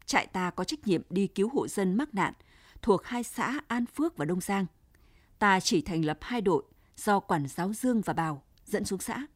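A woman's voice: mid-range voice, animated, normal speed, no echo, close to an everyday voice. Woman doing a strict camp boss, commanding and formal, dry voice. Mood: stern. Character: stern male prison camp director.

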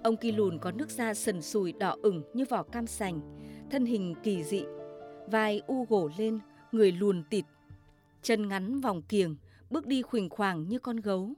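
A woman narrating a story in a measured, steady reading. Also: medium pitch, soft background music.

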